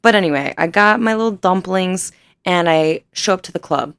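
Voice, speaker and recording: A woman's voice: fairly low pitch, moderate pace, a bit bright, clear, resonant tone, no room sound, clean studio sound. A young woman in her twenties telling a rambling, self-deprecating story in casual chat, laughing often and swearing freely.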